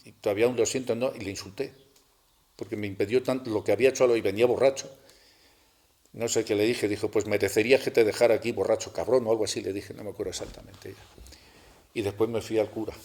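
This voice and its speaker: A middle-aged man telling a personal story in a talk at a spiritual center, halting and restarting as he goes. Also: on the low side, vocal fry, darkish tone. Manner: halting, with many restarts and rhetorical tags.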